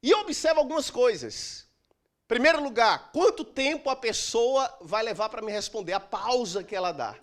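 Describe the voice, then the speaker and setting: High, lively preaching man. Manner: emphatic preaching with dramatic pauses and shifts in loudness. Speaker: pastor. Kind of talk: sermon. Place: church.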